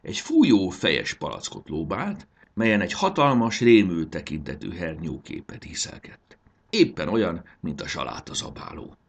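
A man narrating a children's story in an expressive, animated reading. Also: deep voice, vocal fry, husky.

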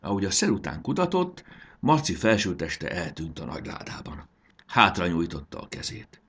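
A man narrating a children's story in an expressive, animated reading. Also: deep voice, breathy edge.

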